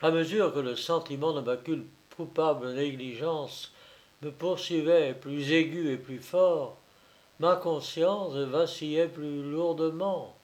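Slow, theatrical male storyteller. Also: on the high side, darkish tone. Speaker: narrator. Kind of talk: audiobook reading.

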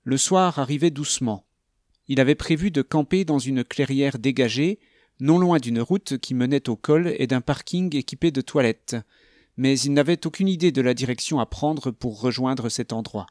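A man narrating an audiobook with a calm, even reading manner. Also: medium pitch, normal speed, no echo, clean studio sound.

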